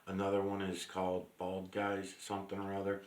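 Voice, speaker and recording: A man's voice: deep voice, completely flat delivery, brisk. A man vlogging a rambling monologue to camera, meandering with many fillers and restarts, blunt and swearing. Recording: roomy echo.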